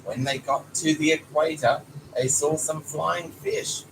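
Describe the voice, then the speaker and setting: This man's voice sits on the high side, steady in tone and a little slow, as he reads a children's storybook aloud, fatherlike, with short asides to his child. The home recording is noisy, with clear ambient sound and a small child nearby.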